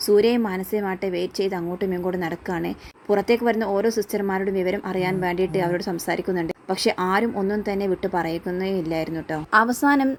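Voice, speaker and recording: A woman's voice: medium pitch, fast talker, a little hiss or hum. A woman casually narrating a recap of a TV serial in a chatty way, tagging her sentences with a friendly particle.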